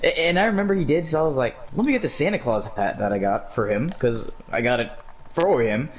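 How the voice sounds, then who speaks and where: A man's voice: medium pitch, lively intonation, brisk. A young man telling a funny story in casual chat, profane and laughing often. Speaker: podcast co-host, storyteller. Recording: noisy recording.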